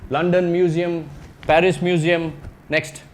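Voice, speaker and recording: A man's voice: fairly high pitch, little pitch movement, takes it slowly. A man with an Indian accent tells anecdotes in a conversational, joking way as a researcher giving a public slide talk, in short phrases with tag questions. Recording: live talk with background noise.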